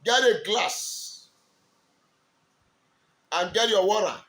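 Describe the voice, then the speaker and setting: A man from eastern Nigeria with a Nigerian accent, an Igbo speaker, preaching in slow, emphatic, drawn-out declarations as a spiritual teacher. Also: high voice, pushed and bright. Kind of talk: preaching to camera.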